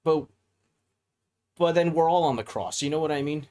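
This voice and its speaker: A man co-hosting a podcast in casual chat, opinionated and animated with quick asides. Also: a little high. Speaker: podcast co-host.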